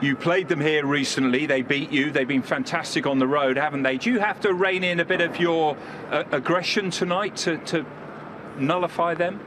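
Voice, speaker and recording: A man working as a pitchside sports interviewer, putting pre-match questions. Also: moderate pace. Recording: clear outdoor stadium noise.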